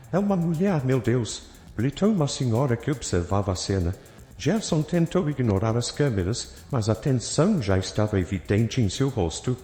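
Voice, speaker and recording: Mellow male storyteller with echoey reverb. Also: medium pitch. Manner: suspenseful, dramatic delivery. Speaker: narrator. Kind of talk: dramatic scripted story narration. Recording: echoey, with faint background music.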